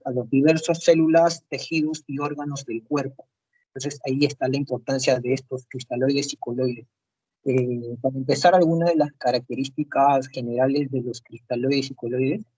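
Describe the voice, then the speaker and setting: Brief: male student presenter, husky voice, halting delivery full of fillers, dull dry call audio. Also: medium pitch, warm tone, no echo. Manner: hesitant, many filler sounds and restarts. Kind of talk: class presentation over video call.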